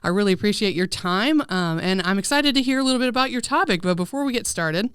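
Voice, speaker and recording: A woman's voice: mid-range voice, expressive, quick pace, clear, resonant tone, no room sound. Woman host for a campus podcast, middle-aged, upbeat and chatty, very clean voice, dry close sound. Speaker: podcast host, student life coordinator. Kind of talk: podcast hosting and interview.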